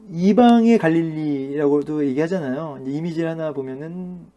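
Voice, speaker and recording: A man's voice: fairly high pitch, warm tone. A middle-aged male pastor giving a Bible lecture in a conversational manner, full of fillers and rhetorical questions to his listeners. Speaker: pastor teaching a Bible class. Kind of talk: sermon-style Bible lecture.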